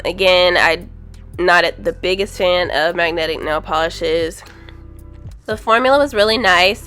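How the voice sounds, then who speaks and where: With a stuffy, congested voice from a cold, a woman casually reviews nail polish in a voice-over, offering candid opinions and saying "um" a lot. Her voice sits at medium pitch and sounds clear, resonant, and a bit bright.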